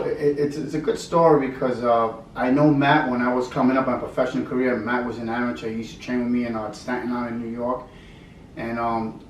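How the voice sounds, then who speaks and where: A man's voice: medium pitch, far from the mic. Middle-aged man in an echoey room. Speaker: combat sports trainer and former fighter. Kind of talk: casual interview answers. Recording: echoey room, off-mic, faint background noise.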